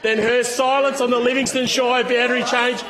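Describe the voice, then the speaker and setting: A man's voice: extremely high pitch, flat delivery, moderate pace. A man with an Australian accent delivering a combative, emphatic speech in parliament, leaning on repetition for force. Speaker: opposition member of parliament. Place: parliament chamber.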